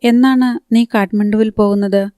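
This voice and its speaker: A woman's voice: mid-range voice, fairly even intonation, normal speed, clean tone, no room sound, clean studio sound, lightly acted. A woman reading a curt, jealous young woman. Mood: curt angry. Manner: curt, sharp retorts.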